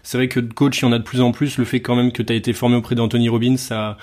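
A man's voice: medium pitch, flat delivery, quick pace, a little mellow. A man hosting an interview, asking casual questions with many fillers and informal slang. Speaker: interviewer, podcast host.

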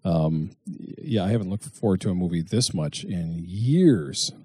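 A man's voice: sits low, expressive, a little slow, dark tone, slightly rough, no room sound. A man hosting a casual podcast chat, talking loosely and laughing often. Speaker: podcast host.

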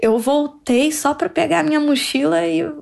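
A young woman, an engineer, recounts a personal experience in conversation, speaking in an emotional, halting way with many fillers. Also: high voice, vocal fry, darkish tone. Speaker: engineer guest.

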